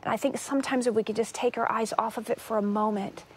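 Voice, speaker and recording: An earnest, animated middle-aged woman speaking as a talk show guest, her voice sitting a little high. She tells her story with feeling and bursts into lifted, excited tones when she quotes. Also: fast talker, slightly rough. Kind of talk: casual talk show testimony.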